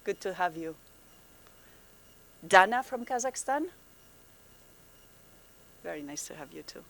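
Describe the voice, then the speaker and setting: A woman program manager giving a friendly conference presentation, halting often with fillers and restarts, speaking in a conference room. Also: on the low side, animated, gravelly, a bit bright, no room sound.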